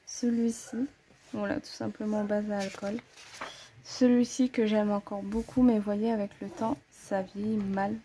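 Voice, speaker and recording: A woman with a mellow, warm voice giving a relaxed show-and-tell to camera. She chats loosely, pauses with fillers and corrects herself mid-sentence. Her pitch sits in a middle range. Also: slight background noise. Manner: frequent hesitations and "voilà" fillers. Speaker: coloring-book hobbyist presenting her collection.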